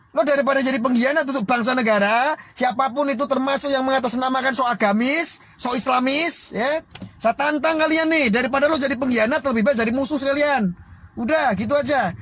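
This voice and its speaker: A man's voice: extremely high pitch, fairly bright tone. A man hosting his own livestream, delivering a heated, confrontational rant that challenges and scolds his critics. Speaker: livestream host.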